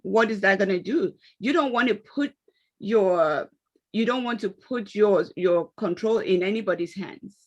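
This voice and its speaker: A woman speaking on an online panel, answering a question in an animated storytelling way and acting out quoted exchanges. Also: mid-range voice, unhurried, muffled recording.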